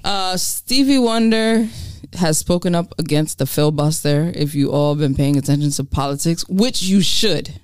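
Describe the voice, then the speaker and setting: A woman's voice: low voice, normal speed, darkish tone, clear, resonant tone, dry recording, studio quality. A woman co-hosting a podcast, talking bluntly and with lots of animation, swearing often as she runs through news items. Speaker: podcast co-host. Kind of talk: casual podcast chat.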